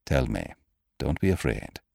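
A grave older doctor, voiced by a man reading aloud, stern and quiet in every word. His voice sits a little below the reader's own and stays hushed. It is recorded close and dry. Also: extremely low pitch, very animated, unhurried, vocal fry, no echo, voice pushed down, full character voice.

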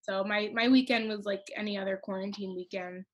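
A woman's voice: medium pitch, steady tone, a little fast. A woman co-hosting a podcast, talking openly and casually with frequent fillers. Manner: open, chatty, many "like" fillers. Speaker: podcast co-host. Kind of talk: casual chat.

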